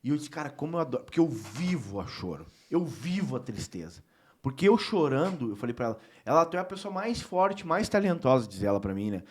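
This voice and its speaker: A man's voice: mid-range voice, sing-song, brisk, breathy edge. A man talking as a guest on a talk show, emphatic and heartfelt, loose and informal with the odd swear word. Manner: emphatic and heartfelt, with frequent filler tags. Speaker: guest politician. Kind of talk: casual talk-show conversation.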